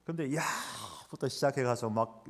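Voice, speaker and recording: A male pastor preaching a sermon, telling a personal story with animated delivery and acting out the lines he quotes. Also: mid-range voice, unhurried. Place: church sanctuary. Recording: long reverb of a church hall.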